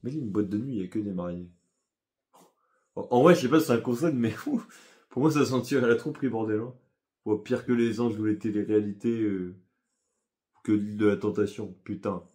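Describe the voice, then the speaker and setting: A young man chats through a personal story in a loose, rambling way. He talks in slang and keeps restarting his sentences. His voice sits a little low. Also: brisk, long pauses, darkish tone. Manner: rambling, slangy, with frequent fillers and self-corrections. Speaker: vlogger. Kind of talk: casual storytelling vlog.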